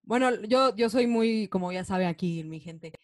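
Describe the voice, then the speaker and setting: A woman's voice: mid-range voice, a little slow. A woman with a Mexican accent, co-hosting a casual film chat, retelling scenes in a chatty, slangy way with swearing. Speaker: podcast co-host.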